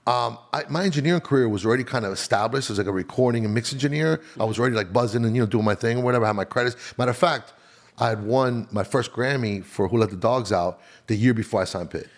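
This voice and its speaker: A man's voice: mid-range voice, fast. A middle-aged man, born in Chile and raised in Miami, chatting casually as a guest in a slangy, laid-back way. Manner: laid-back slangy talk, calls host dog and bro. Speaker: guest, audio engineer. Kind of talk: casual podcast chat.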